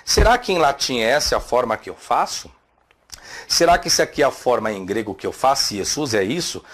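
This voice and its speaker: A man's voice: mid-range voice, lively intonation, brisk. A man teaching theology, rebutting a video with emphatic rhetorical questions.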